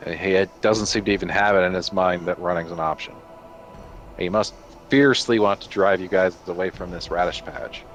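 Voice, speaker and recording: Deep-voiced male game master, patient rules explainer, colorful combat narrator, light music bed. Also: moderate pace. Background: soft background music.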